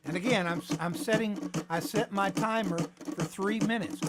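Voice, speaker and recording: A man teaching a ukulele lesson on a live stream, talking in a relaxed way while he plays and calls out tempos. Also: high-pitched, moderate pace, heavy background noise. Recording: loud ukulele playing under the voice.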